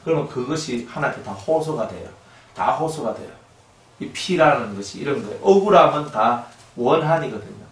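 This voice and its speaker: A male pastor delivers an animated sermon, acting out short scenes and raising his voice to drive his points home. He sits at mid pitch and is heard from a distance. His voice rings through an echoey church hall. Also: a little fast. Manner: animated, acts out voices and shouts for emphasis.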